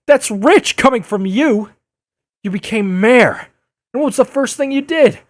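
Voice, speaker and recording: Man acting an animated, earnest Spider-Man. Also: extremely high pitch, slow, heavily acted. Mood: exasperated. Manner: earnest, impassioned, indignant. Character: earnest, exasperated wisecracking young male masked superhero. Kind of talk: audio drama acting.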